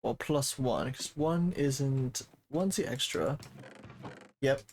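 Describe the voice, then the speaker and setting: A man streaming a game from his desk mic, casual commentary that rambles and corrects itself, and he talks fast. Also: mid-range voice, expressive, darkish tone, a little hiss or hum. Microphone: desk microphone.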